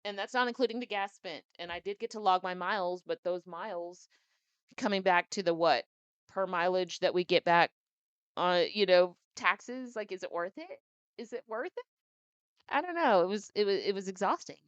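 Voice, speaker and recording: A young adult woman hosting a podcast, reading a book aloud and breaking off into chatty, animated commentary. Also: fairly low pitch, normal speed, smooth, no echo, highs cut off.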